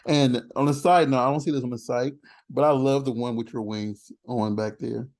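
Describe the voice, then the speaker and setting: A man hosting a casual interview, talking excitedly with frequent restarts and laughter. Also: medium pitch, moderate pace. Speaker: podcast host.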